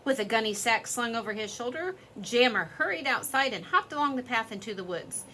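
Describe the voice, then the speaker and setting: A woman reading a children's story aloud in an expressive, lively storytelling way. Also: a little high, a little fast, slight background noise.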